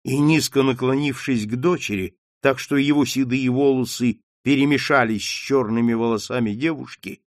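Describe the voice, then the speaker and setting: A man's voice: mid-range voice, moderate pace, few pauses, no room sound. Man narrating an audiobook, dry close sound. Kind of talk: scripted narration.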